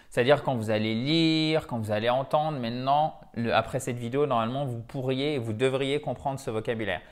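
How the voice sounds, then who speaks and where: A middle-aged man with a voice at an ordinary male pitch teaches English vocabulary in a lively monologue. He talks chattily and pokes fun at himself. He often repeats and rephrases his points.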